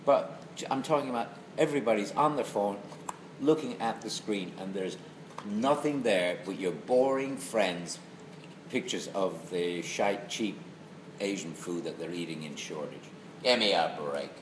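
A man's voice: deep voice, unhurried. A middle-aged man with a west of Ireland accent chatting jokily in a wry, mock-serious ranting manner. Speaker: comedy venue operator being interviewed. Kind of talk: joking casual chat. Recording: echoey room with clear background noise.

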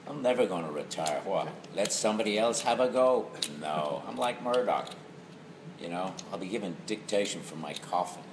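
A man's voice: deep voice, lively intonation, normal speed. A middle-aged man with a west of Ireland accent chatting jokily in a wry, mock-serious ranting manner. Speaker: comedy venue operator being interviewed. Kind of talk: joking casual chat. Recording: echoey room with clear background noise.

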